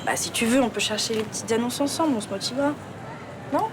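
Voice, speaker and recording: An actress playing an upbeat, encouraging young friend. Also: female voice, on the high side, fast talker, noisy background, natural voice. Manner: encouraging, breezy. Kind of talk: TV soap drama.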